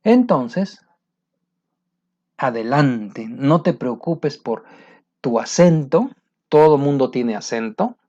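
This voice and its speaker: Man, casual teaching, many fillers and restarts, warm dark voice, muffled lo-fi audio. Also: mid-range voice, lively intonation, slow, long pauses. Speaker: English teacher. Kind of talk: casual spoken lesson. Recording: dull lo-fi sound.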